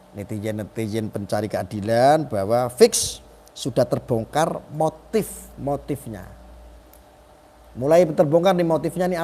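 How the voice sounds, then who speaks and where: A man's voice: mid-range voice, mellow, long reverb tail, a little hiss or hum. A middle-aged man giving emphatic live-stream commentary, asking rhetorical questions and acting out quoted voices.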